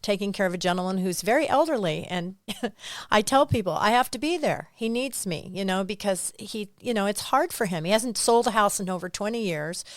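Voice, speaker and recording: A woman's voice: mid-range voice, a little fast, dry recording, clean studio sound. A middle-aged woman, a real estate agent and coach, chatting in an interview, rambling into asides and laughing often. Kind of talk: casual interview chat.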